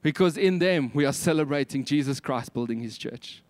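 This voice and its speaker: A man's voice: on the high side, moderate pace. A man with a South African Afrikaans accent preaching a sermon, emphatic, with repeated phrases and rhetorical questions.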